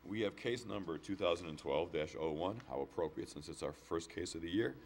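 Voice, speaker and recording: A man's voice: low voice, a little fast, vocal fry, slight background noise. An American man chairing a formal public meeting in a plain, businesslike way, with the sore throat of someone getting over a cold. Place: village board meeting room, on microphone.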